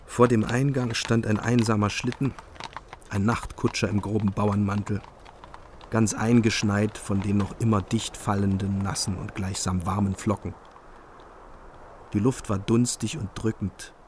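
A man narrating a radio drama in the first person, with a brooding, bitter manner and a husky voice. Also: lowish voice, little pitch movement, a little slow, a little mellow, a little hiss or hum.

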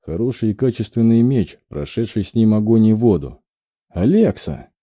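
Dark-voiced male audiobook narrator. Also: lowish voice, brisk, dry recording, studio quality. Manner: expressive storytelling. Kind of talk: scripted narration.

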